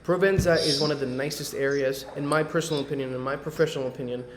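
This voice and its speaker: Talking fast in a steady, higher-pitched voice, the man from Medellín, Colombia, hosts his loose, conversational real estate webinar over video call, with plenty of fillers and tag questions. Background noise and a roomy sound come through.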